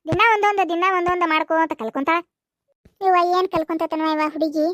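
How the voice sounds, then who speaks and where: A woman's voice: very high voice, steady tone, fairly bright tone, dry recording, clean studio sound. A woman with a North Karnataka accent, voicing chatty village characters for a cartoon comedy. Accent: North Karnataka Kannada. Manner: quick, chatty village banter. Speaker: cartoon voice artist.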